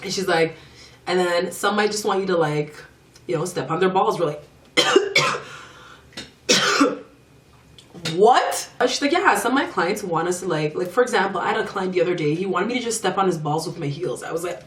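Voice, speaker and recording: A woman's voice: on the low side, quick pace, recorded from a distance, a little hiss or hum. A young woman vlogger telling a casual storytime, acting out other people's voices and swearing freely. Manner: animated, acts out the other voices, curses freely. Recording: echoey room, voice a bit off-mic.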